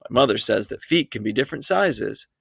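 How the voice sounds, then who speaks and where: A man reads a children's chapter book aloud in steady first-person storytelling. His middle-pitched voice has a gravelly, creaky texture, and the sound is dry and close with no room echo. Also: fairly quick. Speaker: reader.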